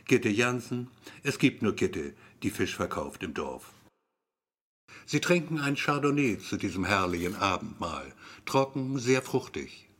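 A man's voice: medium pitch, a bit bright, slightly rough. Wry male audiobook narrator. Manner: repetitive, wry storytelling. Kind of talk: scripted story reading.

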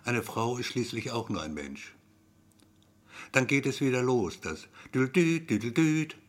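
A man's voice: mid-range voice, lively intonation, measured pace, fairly bright tone. A man reading a story aloud in a wry, repetitive storytelling manner. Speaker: narrator.

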